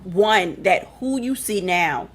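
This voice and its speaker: A woman's voice: mid-range voice, lively intonation, takes it slowly, breathy edge. A young adult woman with a Southern US accent, co-hosting a podcast in playful, laughing casual chat. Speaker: podcast co-host.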